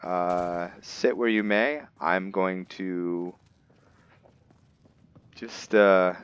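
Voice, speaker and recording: This gamer and roleplay host has a deep voice with a steady, clean tone, drawing out his words as he muses hesitantly through casual commentary. His recording is dry, captured on a dull narrow-band mic with faint game music underneath.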